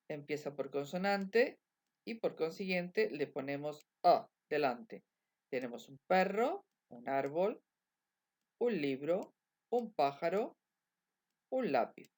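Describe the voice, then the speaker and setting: Woman, lowish voice, unhurried delivery, drills examples over and over. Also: darkish tone. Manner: slow, repetitive drilling of examples. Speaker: English teacher. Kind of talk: bilingual grammar lesson.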